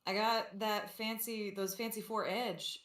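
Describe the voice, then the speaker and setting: A woman's voice: mid-range voice, flat delivery, unhurried, a bit bright. A woman playing a tabletop game, chatting casually in a playful, exclamatory way. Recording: roomy, echoey sound.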